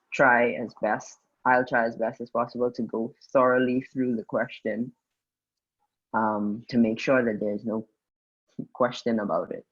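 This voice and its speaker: A man's voice: mid-range voice, breathy edge, dull audio. A man, tutoring students in an informal online session, speaking hesitantly and often restarting his sentences. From Guyana, raised in the Bahamas. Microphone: video call.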